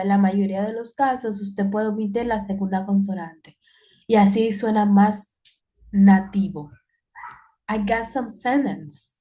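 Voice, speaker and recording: A woman's voice: medium pitch, dark tone. A woman teaching English in an online class, explaining patiently and repeating key points.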